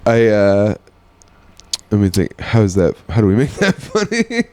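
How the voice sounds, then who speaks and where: A man's voice: fairly low pitch, huge pitch swings, unhurried, darkish tone, dry recording. A young man co-hosting a comedy podcast in casual chat, crude and joking, laughing often. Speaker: podcast co-host.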